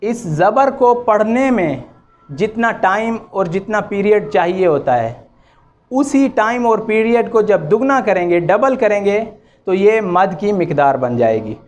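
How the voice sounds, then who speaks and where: A man teaching Quran recitation rules, chanting examples with long drawn-out vowels and correcting common mistakes. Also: high voice, expressive, a little mellow. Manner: draws out vowels and repeats examples slowly, then corrects. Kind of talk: slow, patient tajweed lesson with chanted examples.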